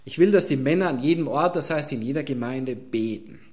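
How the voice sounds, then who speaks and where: A man's voice: mid-range voice, fairly quick, a little mellow. A pastor preaching, expounding a Bible passage and speaking directly to his congregation. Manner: addresses congregation directly, emphatic Bible exposition. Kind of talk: sermon.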